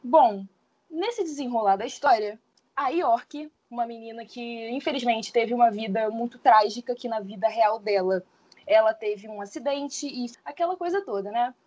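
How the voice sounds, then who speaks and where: Woman, 20s, high voice, rambling guest who hedges a lot. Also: moderate pace, a little mellow. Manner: explains at length, with frequent hedging fillers. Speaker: podcast guest. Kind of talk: casual podcast discussion.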